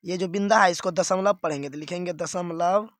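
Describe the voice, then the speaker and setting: A man with a high voice teaches a math lesson step by step and keeps checking that his listeners follow along. The recording is dry and close, with no room sound. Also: fairly quick, fairly bright tone, no room sound. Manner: explains step by step, repeats "dekhiye" and "theek hai".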